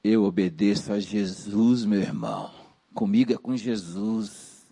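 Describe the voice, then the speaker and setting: A man's voice: lowish voice, steady tone, a little slow, mellow, breathy edge, no echo, voice pushed down. A man putting on the voice of an arrogant, self-righteous churchgoer who speaks in a haughty, dismissive drawl.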